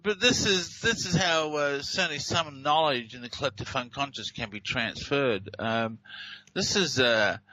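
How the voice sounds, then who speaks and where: An Australian man hosts a talk show and walks through recorded clips. His voice is bright and forceful, recorded dry and close. He talks haltingly, full of fillers and restarts. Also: mid-range voice, no room sound, poor audio. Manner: hesitant, many fillers and restarts. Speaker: host.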